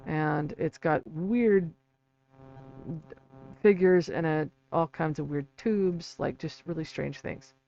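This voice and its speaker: A man with vocal fry giving a casual, halting livestream explanation, often checking in with a quick "right?" or "okay". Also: on the high side, mellow. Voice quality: vocal fry from an old vocal cord injury. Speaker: livestream host and researcher. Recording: dull lo-fi mic with faint hum.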